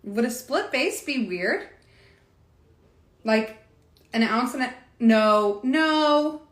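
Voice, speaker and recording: A woman's voice: on the high side, animated, slow, a bit bright. A woman hosting a casual live cocktail demonstration, chatting straight to her viewers with lots of asides. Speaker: cocktail demo host. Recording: echoey room with faint clatter.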